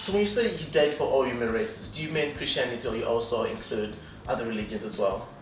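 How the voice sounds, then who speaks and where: A man hosting a casual video chat with two guests, lively and jokey, often laughing. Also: mid-range voice, fast talker, slight background noise. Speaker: host. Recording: echoey room, voice from a distance, faint music behind.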